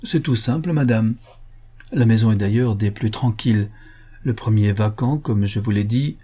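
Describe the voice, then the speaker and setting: A man's voice: lowish voice, normal speed, mellow, husky. A man voicing a talkative male concierge who is deferential and emphatic, eager to reassure his listener. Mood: obliging.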